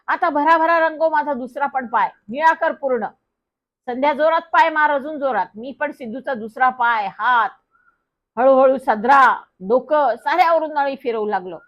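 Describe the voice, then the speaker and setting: A woman narrating a children's story in a lively first-person manner. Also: high voice. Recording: dull lo-fi recording.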